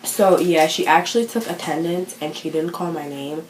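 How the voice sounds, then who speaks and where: A woman's voice: low-pitched, moderate pace, background noise. Teenage girl, casual vlog chat, lots of fillers, echoey room. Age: teens. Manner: chatty, self-conscious, full of fillers. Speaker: vlogger.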